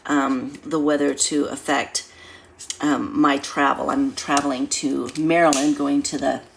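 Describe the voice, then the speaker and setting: A woman's voice: very deep voice, flat delivery, unhurried, vocal fry, a little hiss or hum. A woman with a nasal, congested voice from a head cold, casually talking through a craft demonstration as the instructor. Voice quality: nasal, congested, stuffed-nose sound. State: blocked nose from a head cold.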